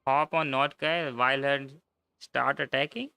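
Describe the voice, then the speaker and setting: A man's voice: mid-range voice, steady tone, unhurried, vocal fry, bright, forceful tone. A young man giving casual, offhand, mocking commentary on a game he is playing. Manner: mocking, offhand, loose grammar. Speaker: streamer.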